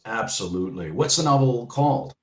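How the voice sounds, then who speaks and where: A man, a guest playwright, telling animated stories in a casual podcast chat and laughing often. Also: medium pitch, a little fast, a little hiss or hum. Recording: roomy echo.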